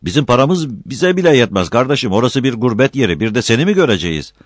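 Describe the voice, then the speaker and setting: A man's voice: medium pitch, big pitch swings, fast talker, no echo, pitched above the performer's own voice. Grumbling middle-aged villager, voiced by a male narrator, dismissive, dry sound.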